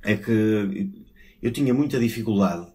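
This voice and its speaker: A man's voice: fairly low pitch, unhurried, dark tone. A man from Porto, a stand-up comedian, talking casually, rambling with fillers, restarts and swearing. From Porto, Portugal. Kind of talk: casual podcast conversation.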